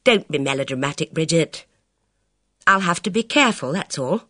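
A woman's voice: low voice, animated, normal speed, pushed and bright, dry recording, studio quality, exaggerated voice. A woman reading an audiobook, voicing a cool, guarded young woman who speaks in a clipped, composed and grim way.

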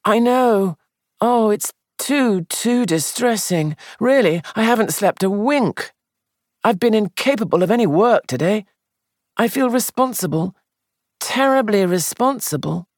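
Reader voicing nervous young man, high tremulous pleading, dry close sound. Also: expressive, a little slow, no echo. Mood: distressed. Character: distraught young man suspected of murder. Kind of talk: audiobook character voice.

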